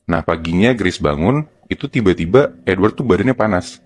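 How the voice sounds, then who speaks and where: Male podcast storyteller, Jakarta accent, deep voice, relaying horror tales casually and step by step. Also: animated, brisk, darkish tone. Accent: Jakarta Indonesian. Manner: colloquial, step-by-step narration.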